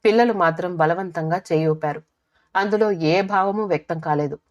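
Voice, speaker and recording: A woman narrating a first-person audiobook story in a steady, measured reading. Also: fairly low pitch, dry recording, lo-fi sound.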